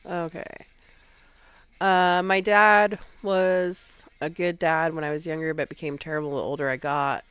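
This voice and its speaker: Congested woman streamer, smooth lowish voice. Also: level tone, a little slow, a bit bright, dry recording, faint music behind. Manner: candid, chatty, swears freely. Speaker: livestreamer. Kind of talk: casual chat while getting ready.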